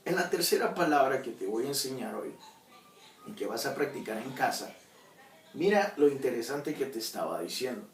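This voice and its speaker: A man teaching English phonics, sounding out each letter slowly and patiently, repeating sounds and checking in with "okay?" as he switches between two languages to explain. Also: mid-range voice, animated, soft background music. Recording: roomy, distant mic, faint background noise.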